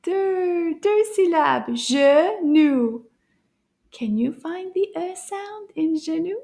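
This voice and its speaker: A woman teaching a French lesson to children, pronouncing each word slowly and encouragingly. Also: extremely high pitch, vocal fry. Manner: slow, drawn-out enunciation for learners; animated, encouraging teacher talk.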